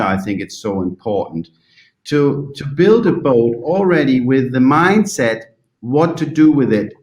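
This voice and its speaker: A man from Germany with a German accent speaks in a very roomy, echoing recording. His pitch is mid-range. He gives thoughtful interview answers haltingly, searching for English words as if translating from his native German. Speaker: interview guest from the yachting industry.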